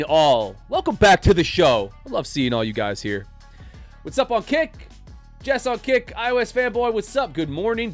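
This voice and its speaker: A day-trading livestream host, a man with a slightly high voice, sounds nasal because he's sick with a cold. He chats casually and greets viewers by name.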